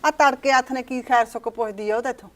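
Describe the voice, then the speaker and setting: Woman playing a nagging mother-in-law, high voice, quick scolding, short-film drama. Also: steady tone, fairly bright tone, lightly acted.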